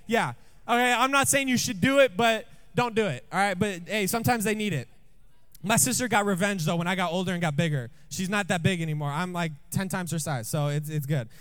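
A man with a rather high voice preaches in a church, telling a personal story. His delivery is jokey and conversational, and he keeps throwing questions out to the congregation. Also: fairly bright tone, clean tone. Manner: jokey, asks the room questions often.

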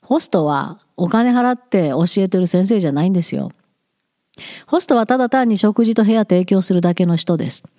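A woman's voice: mid-range voice, expressive, brisk, dark tone, dry recording, clean studio sound. A woman commenting on study abroad in a frank, blunt, lightly teasing advice monologue.

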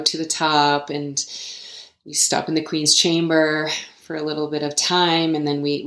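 A woman's voice: low-pitched, a bit bright. A woman speaking as a podcast guest, reflective and casual, often repeating small words. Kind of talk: casual chat. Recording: echoey room.

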